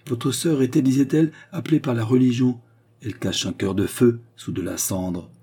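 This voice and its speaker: A man voicing a proud, anxious French queen, lofty and brisk, in a storybook reading. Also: low-pitched, fairly even intonation, creaky, a little mellow, slightly rough, heavily acted. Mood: reproachful.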